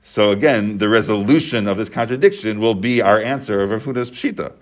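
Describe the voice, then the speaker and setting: Man, Talmud teacher, low voice, patient step-by-step explaining. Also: fairly quick. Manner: explains step by step, repeats and restates points.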